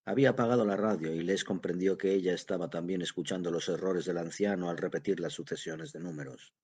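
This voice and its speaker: A man narrating an audiobook in a grave, unhurried manner, with a husky voice. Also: deep voice, darkish tone. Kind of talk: scripted narration.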